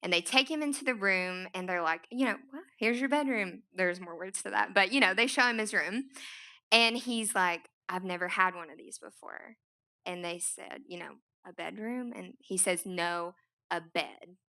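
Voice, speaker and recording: A young woman giving a talk to an audience in a large room, telling her own story in a chatty, animated way with many fillers. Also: medium pitch, normal speed. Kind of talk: conference talk.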